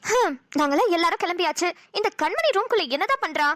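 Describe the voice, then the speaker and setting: A woman's voice: very high voice, lively intonation, fast talker, heavy background noise. A woman voicing an anxious, bossy elder sister in a cartoon, frantic and scolding. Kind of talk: cartoon voice acting.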